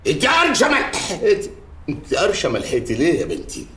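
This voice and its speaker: A man's voice: fairly high pitch, quick pace. An actor playing a shifty father, talking in a wheedling manner with an Egyptian accent. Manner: wheedling, animated. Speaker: father accused by police. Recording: echoey room.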